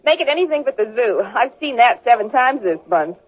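A woman's voice: on the high side, sing-song, brisk. An actress playing a cute, naive, chatty young secretary with gee-whiz girlishness, in 1940s radio drama style. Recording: dull lo-fi old radio recording. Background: music.

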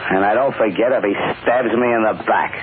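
A man's voice: on the low side, fairly quick, close to an everyday voice. A man playing a blunt, suspicious, slangy tough-guy crook in an old-time radio drama. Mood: worn out, brooding. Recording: tinny, noisy old radio recording.

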